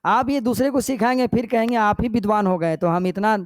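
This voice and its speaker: An older male teacher giving an exam-prep lecture. He often checks that the class understands and dictates notes slowly. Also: sits high, no room sound, studio quality. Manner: checks understanding with repeated questions; demonstrates slow, paused recitation.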